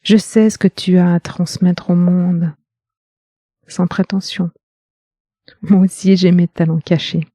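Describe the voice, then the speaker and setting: A woman's voice: fairly low pitch, level tone, normal speed, hardly any pauses, mellow, dry recording, clean studio sound. A woman, a podcast host and communication coach, reading a scripted poetic monologue in an intimate, questioning tone that speaks straight to the listener.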